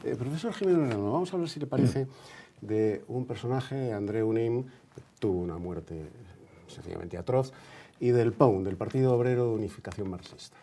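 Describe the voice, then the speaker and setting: A TV programme host conducts a broadcast interview in a conversational, somewhat hesitant style, repeating words and checking in with short tags. His mid-range voice is creaky and mellow, with lively intonation at a moderate pace.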